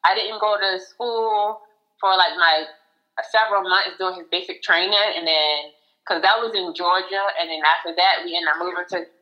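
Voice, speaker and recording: A woman in her late thirties recalling her young married years as a podcast guest, soft and hesitant with many fillers. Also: fairly low pitch, steady tone, normal speed. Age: 30s. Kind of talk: casual storytelling. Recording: muffled lo-fi audio.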